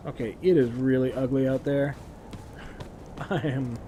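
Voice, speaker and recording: A man's voice: medium pitch, steady tone, a little slow, warm tone, slight background noise. A man casually narrating his own gameplay as a streamer, talking to himself with wry, sarcastic asides.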